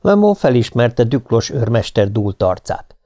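A man reading an adventure novel aloud as an audiobook narrator, at a steady, measured pace. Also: mid-range voice, dry recording.

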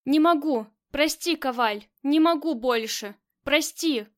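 A crude, streetwise gangster man talks in blunt slang, as a woman reading the audiobook puts him on. The voice stays high, close to the reader's own. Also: unhurried. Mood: pleading. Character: rough, crude man, the boss's gangster friend.

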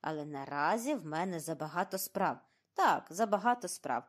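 A woman reading an audiobook and voicing an excitable, fussy middle-aged male detective who speaks theatrically and in exclamations. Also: low voice, normal speed. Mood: confident.

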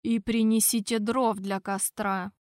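A woman's voice: fairly high pitch, level tone, a little slow, darkish tone, no room sound, studio quality, lightly acted. A woman voicing a cold, harsh male inquisitor monk giving orders. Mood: commanding. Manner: cold, stern.

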